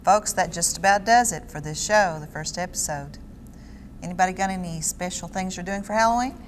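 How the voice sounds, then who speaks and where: A woman's voice: lowish voice, a little fast, a little hiss or hum. A woman co-hosting a show. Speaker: show co-host. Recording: clear music behind the voice.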